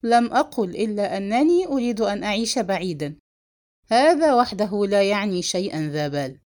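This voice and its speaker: A woman's voice: medium pitch, lively intonation, a little fast, a little mellow, lightly acted. A woman reading the lines of a distraught young wife who pleads through sobs and wails. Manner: sobbing, wailing pleas.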